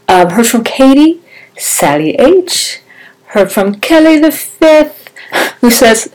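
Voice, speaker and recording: On her own casual podcast, a middle-aged host talks in a chatty, upbeat, meandering style with a slightly low voice. Braces give her articulation a faintly wet, slurred quality, captured on a rough recording.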